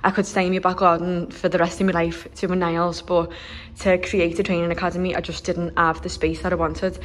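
A young woman from Liverpool, a nail salon owner, chatting excitedly with lots of fillers as she films a walkthrough of her salon under renovation on her phone. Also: fairly low pitch, a little fast, a little hiss or hum. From Liverpool, England. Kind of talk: walkthrough vlog.

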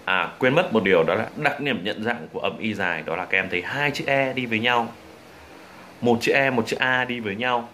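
A young man from Vietnam with a Vietnamese accent, teaching English pronunciation and slowly demonstrating and repeating drill words. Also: mid-range voice, bright, forceful tone, slight background noise.

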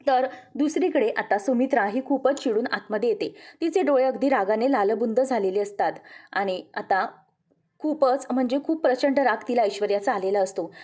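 A woman's voice: on the high side, moderate pace, a little mellow. A woman retelling a television serial episode as a vivid, emotive story, addressing listeners as friends. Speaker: narrator of serial episode recaps. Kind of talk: dramatic storytelling recap.

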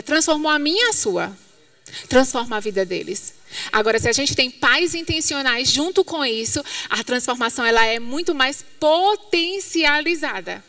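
This sermon comes from a Brazilian Portuguese-accented woman speaking in a church hall, her high voice animating the quoted people in her story. The sound is dry and echo-free, picked up from somewhat far off the mic.

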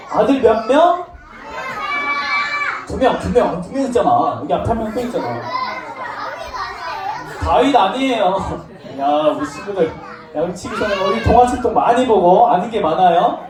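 Crowd noise fills an echoey church classroom where a woman, recorded on a distant mic, tells a children's sermon. She quizzes the children and playfully performs lines from the story with animation. Her mid-range voice runs a little slow, with long pauses.

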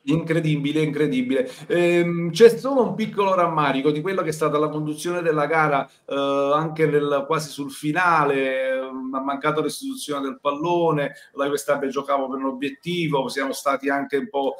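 A man's voice: fairly high pitch, steady tone, normal speed, few pauses, a bit bright. A man, a sports journalist, joining over a remote video call and giving emphatic commentary, repeating his words. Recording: echoey remote call line.

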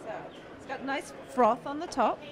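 A woman's voice: high voice, normal speed. Woman interviewer amid crowd chatter. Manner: friendly, conversational, hesitant fillers. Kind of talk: conference interview. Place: busy conference hall, indoors. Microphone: handheld mic.

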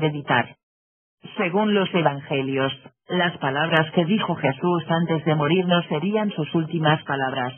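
A computer-made male voice reads scripture verses one after another, saying question marks and other symbols aloud as plain words. The tone sits somewhat high and a little husky. It comes through a narrow, phone-like band. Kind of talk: synthetic reading of Bible quotations.

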